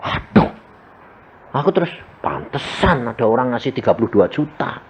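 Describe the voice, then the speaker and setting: A man preaching a sermon with a Javanese accent, animated and joking, tossing rhetorical questions at the congregation. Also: medium pitch, a little fast, a little hiss or hum. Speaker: evangelist preacher.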